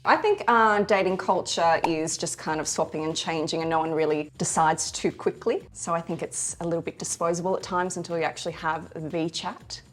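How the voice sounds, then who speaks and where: An Australian woman talking with a low, steady voice. She gives her opinions in a measured, thoughtful way during a relaxed group chat. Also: a little hiss or hum. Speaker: panel guest. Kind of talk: casual panel discussion.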